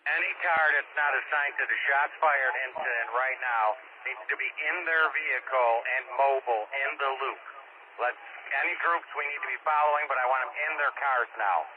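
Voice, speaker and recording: A man's voice: mid-range voice, normal speed. A man's curt, commanding voice cuts through a police radio transmission. It sounds thin and phone-like, buried under heavy static hiss. He talks in short dispatch orders. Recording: tinny radio with loud static.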